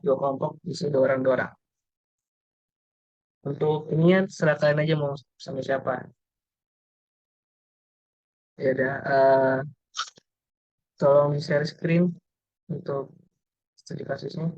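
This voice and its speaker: A young man playing a company representative in a role-played group assessment, talking haltingly with many filler sounds over a video call. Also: mid-range voice, fairly even intonation, darkish tone, no room sound, dull audio. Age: young adult.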